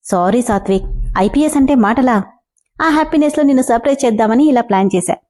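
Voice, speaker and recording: An emotional young woman who pleads with a colleague, voiced by a woman narrator. The voice is high and mellow. This is a storybook drama read aloud. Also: animated, fast. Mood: pleading.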